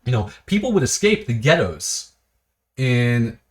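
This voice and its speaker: A man hosting his own video series, talking off the cuff in a rambling, animated way, with frequent restarts and short laughs. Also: medium pitch, a little slow. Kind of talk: casual unscripted monologue.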